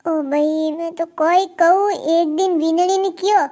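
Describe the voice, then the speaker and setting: Shrill old Marwari granny grumbling, voiced by a woman. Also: fairly even intonation, a little slow, dark tone. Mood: complaining. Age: older. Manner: complaining, scolding. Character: grumbling old grandmother with four sons. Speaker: cartoon character. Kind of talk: cartoon comedy dialogue.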